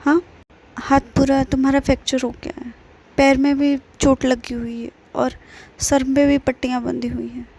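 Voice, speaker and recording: A woman's voice: high voice, level tone, normal speed, a little mellow, slightly rough, voice pushed up, rough recording. A woman voicing an upset young man who pleads with his injured friend.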